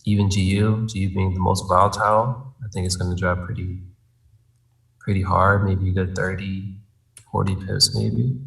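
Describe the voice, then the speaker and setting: A man's voice: low-pitched, level tone, normal speed, creaky, fairly bright tone, far from the mic, poor audio. A man in a live trade room, thinking aloud about trades in a hesitant, casual way. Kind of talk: casual live trading chat.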